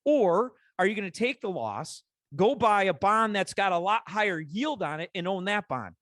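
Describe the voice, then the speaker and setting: A man with a Chicago accent hosting a podcast, talking in an animated, opinionated way as he rants about markets. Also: high voice, normal speed, no echo, clean studio sound. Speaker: podcast host. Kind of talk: casual podcast discussion.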